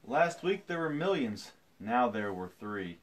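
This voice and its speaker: A thirties dad reads a picture book aloud to his daughter on a live stream, his pitch swinging up and down as he goes. He keeps things playful, dropping jokey asides between the lines and jumping high for quoted voices. A faint hiss sits under the recording. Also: big pitch swings, unhurried. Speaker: father reading to his daughter. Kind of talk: live-streamed storybook reading.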